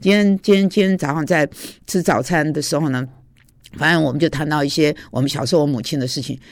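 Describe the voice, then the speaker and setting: A man's voice: fairly high pitch, quick pace, dry recording, studio quality. A man who teaches at a seminary and preaches, giving an informal devotional talk in a confessional storytelling way with frequent hesitations.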